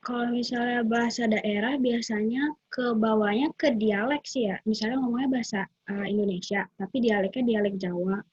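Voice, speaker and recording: A woman's voice: fairly high pitch, steady tone, normal speed, hardly any pauses, darkish tone, slightly rough, no room sound, dull audio. Hesitant young woman presenting in class. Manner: informal, hesitant, many fillers. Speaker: student presenter.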